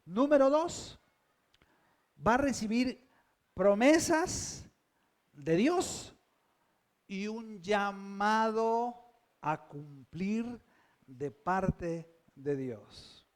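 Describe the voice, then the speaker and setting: A man's voice: high-pitched, expressive, extremely slow, long pauses. A man preaching a sermon as pastor, emphatic and often putting questions to the congregation.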